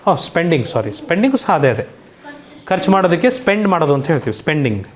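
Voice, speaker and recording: A woman's voice: low-pitched, sing-song, fast, a little hiss or hum. A woman teacher with a Kannada accent, drilling English word pairs in an online coaching class, asking questions and answering them herself.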